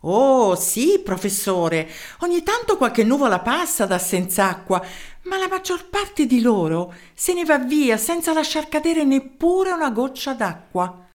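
A woman's voice: sits high, very animated, unhurried, voice pushed up. A woman voicing an earnest male village mayor who talks politely and insistently in a raised voice. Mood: eager.

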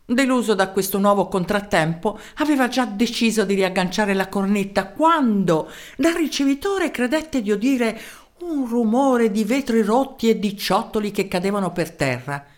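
A woman reads a children's story aloud, narrating expressively in a medium-pitched voice at a normal speed.

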